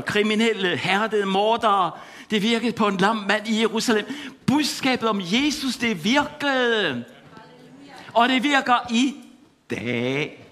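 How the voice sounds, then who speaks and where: A middle-aged man preaches a sermon with fervour, his voice sitting a little high. He hammers his points home with repeated exclamations and drifts into anecdotes, often with a chuckle. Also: a bit bright. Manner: impassioned, repetitive exclamations; storytelling with laughter.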